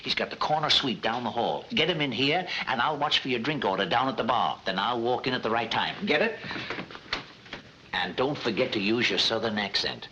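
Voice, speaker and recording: An actor playing a scheming male swindler who talks in brisk slang, in 1940s film acting. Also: medium pitch, expressive, bright, forceful tone, dull audio. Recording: echoey, hissy 1940s film soundtrack.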